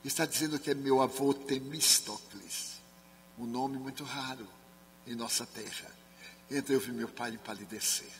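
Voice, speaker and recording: A man's voice: medium pitch, normal speed. Man telling a story in a reverberant hall. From Brazil. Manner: dramatic storytelling, dropping to soft murmurs when quoting others. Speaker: Spiritist medium and speaker. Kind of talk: seminar talk, personal storytelling. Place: large sports and culture hall. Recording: reverberant hall, faint hum.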